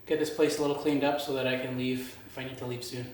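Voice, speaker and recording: A man's voice: medium pitch, level tone, quick pace. A man chatting casually in a workshop vlog, out of breath and sweating, talking himself through the job with self-deprecating asides. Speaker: woodworking vlogger. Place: home workshop. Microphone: handheld USB mic. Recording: echoey workshop, faint noise.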